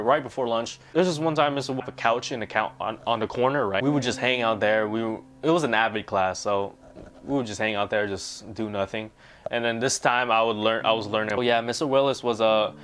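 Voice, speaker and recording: A man's voice: medium pitch, fairly bright tone. A young man in a casual vlog, rambling through questions and school stories and tagging his sentences with "right?". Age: young adult. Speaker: vlogger.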